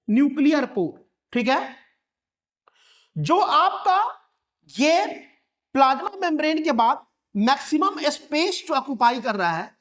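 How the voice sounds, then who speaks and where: A man's voice: very high voice, fairly bright tone. A male biology teacher lecturing at a board. He keeps asking questions and repeating each term so the class can echo it back. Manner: repeats key terms and asks the class to echo them back.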